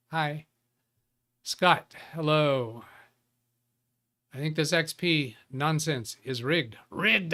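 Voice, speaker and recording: A livestream host of a tech show speaks in a fairly high, fairly bright voice. The chat is casual; he calls out viewers by name and keeps restarting sentences.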